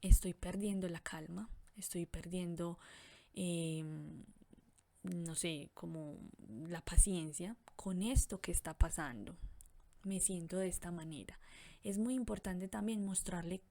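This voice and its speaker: A woman speaks in a calm, reflective way as she gives parenting advice on her podcast. Her voice is mellow and slightly low, and she pauses often with soft fillers as she explains. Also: vocal fry. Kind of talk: conversational advice monologue.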